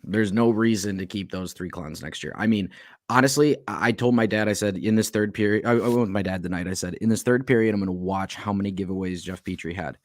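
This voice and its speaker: A man's voice: lowish voice, fast talker, no room sound, studio quality. Blunt, exasperated man on a podcast. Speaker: podcast co-host. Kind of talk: heated sports podcast talk.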